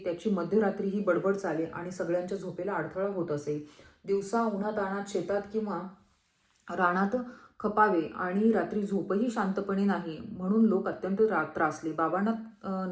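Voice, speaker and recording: Woman, mid-pitched, reads devotional scripture aloud in a steady, earnest way; roomy echo on the recording. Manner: measured, earnest reading aloud. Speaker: scripture reader. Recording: echoey room.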